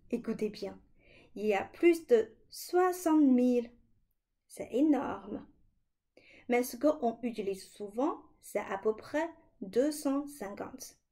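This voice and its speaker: A woman teaching children a language lesson, slowly and clearly demonstrating sounds. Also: on the high side, mellow.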